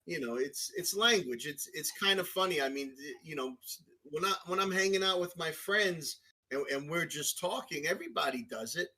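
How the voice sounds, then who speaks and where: A man's voice: fairly high pitch, animated, moderate pace, pushed and bright, breathy edge, rough recording. A middle-aged man with a Brooklyn New York accent, talking frankly and rambling as a podcast guest, with lots of fillers and restarts. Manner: frank, crass. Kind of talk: casual conversation.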